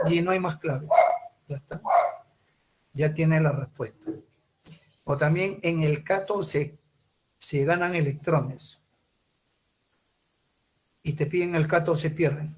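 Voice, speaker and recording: A man's voice: on the high side, a little mellow. A man teaching a chemistry class, asking questions and answering them himself, repeating key words for emphasis. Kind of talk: recorded class lecture.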